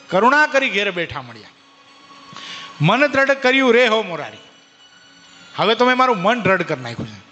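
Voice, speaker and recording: Bright-voiced Gujarati preacher in a reverberant hall. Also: male voice, highs cut off. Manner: speaks directly to listeners by name, with rhetorical questions; drops to a low hush for emphasis. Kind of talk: devotional sermon. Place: temple hall. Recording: hall reverb with soft background music.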